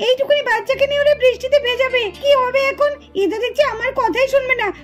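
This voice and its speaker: A woman's voice: extremely high pitch, fairly even intonation, fast talker. Woman doing a fretting tattletale girl doll. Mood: worried. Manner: anxious, fretting.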